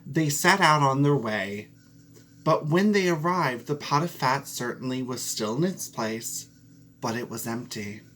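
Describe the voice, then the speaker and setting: A storyteller narrates a fairy tale at a slow pace. The delivery is deliberate and expressive, as when reading a storybook aloud. Faint noise runs behind the voice. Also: mid-range voice. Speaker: storyteller, host.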